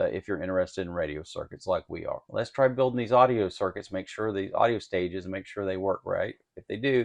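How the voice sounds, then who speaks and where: The host of an electronics kit-building channel explains technical matters informally, in a plainspoken, folksy, step-by-step style like a hobby instructor at a workbench. His voice sits on the low side and is creaky.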